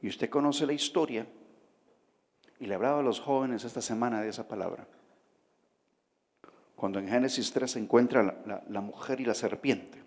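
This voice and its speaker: A man's voice: mid-range voice, moderate pace, long pauses, darkish tone. A man preaching a sermon, talking conversationally and often asking the congregation questions. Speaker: pastor. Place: church hall. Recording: reverberant hall with faint music behind.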